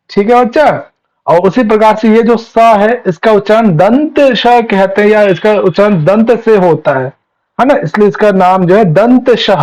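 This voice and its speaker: A man teaches a Sanskrit grammar class online, speaking in a notably high voice. He explains patiently and keeps putting questions to his students. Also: darkish tone, rough recording.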